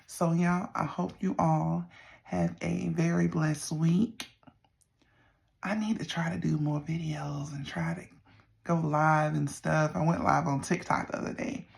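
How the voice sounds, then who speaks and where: A middle-aged person with a Southern US accent and a creaky voice, chatting casually to viewers in a folksy, meandering way. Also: mid-range voice, steady tone, measured pace. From Southern United States. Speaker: vlogger. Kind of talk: casual rambling check-in to viewers.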